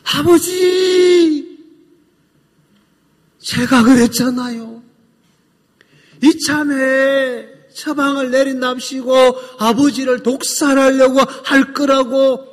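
A man voicing an anguished grown son who pleads in a high, strained voice. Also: lively intonation, slow, big-room sound, exaggerated voice. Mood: pleading.

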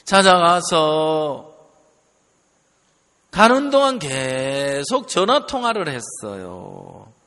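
A man delivers a sermon as a story, his voice high and leaping up and down in pitch. He talks slowly and quotes the people in his story as he goes. The sound carries a long reverb, as in a large church. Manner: animated storytelling, quoting others, laughing at times. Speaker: pastor.

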